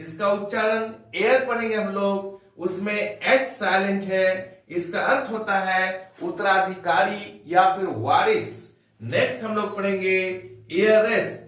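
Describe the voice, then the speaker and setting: A man from India teaching English in a high, slow voice, spelling words out one letter at a time. He sounds distant from the mic in a very echoey room. His delivery is patient and methodical. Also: fairly bright tone. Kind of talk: Hindi-language spoken English lesson.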